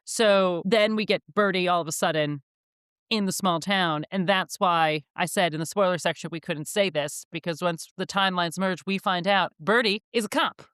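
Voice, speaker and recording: A woman's voice: lowish voice, moderate pace, fairly bright tone, clean tone, dry recording, clean studio sound. A young woman co-hosting a book podcast, chatting casually and animatedly with lots of filler words. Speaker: podcast co-host.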